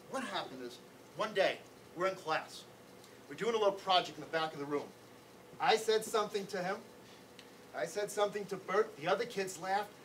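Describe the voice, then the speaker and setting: Man telling a story from afar. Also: high-pitched. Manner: animated, conversational, full of "like". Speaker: anti-bullying educator. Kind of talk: personal storytelling to children. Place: classroom or school hall. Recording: distant mic, faint room noise.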